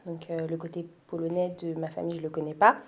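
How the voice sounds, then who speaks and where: Speaking fast in a low, flat voice, a woman from France in her twenties works through her story during a relaxed interview. She is thoughtful, fills her speech with fillers, and laughs softly.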